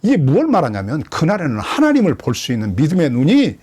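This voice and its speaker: A man's voice: a little high, fast talker, husky. A man preaching an expository sermon as a pastor, questioning his listeners and acting out quoted lines. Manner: lively, questioning the congregation, dramatic quoted voices.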